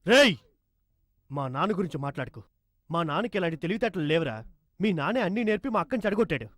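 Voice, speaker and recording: Fast-talking comic uncle. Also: male voice, sits high, animated, no room sound, clean studio sound. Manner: rapid, teasing, loud comic banter. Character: loud meddling younger brother, comic uncle. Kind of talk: film comedy dialogue. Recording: film soundtrack with faint music.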